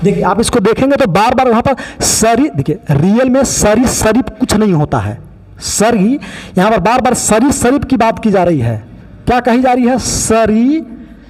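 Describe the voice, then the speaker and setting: A man's voice: extremely high pitch, big pitch swings, normal speed, darkish tone, in a large hall. A man teaching biology, pointing out other teachers' mistakes in a critical, explaining way. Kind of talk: online lesson commentary.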